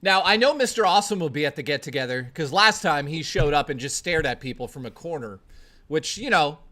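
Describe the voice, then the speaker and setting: A man's voice: a little high, animated, a little fast, bright, forceful tone. A man chatting casually on a live stream, joking, swearing and answering chat messages. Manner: profane, joking, teasing.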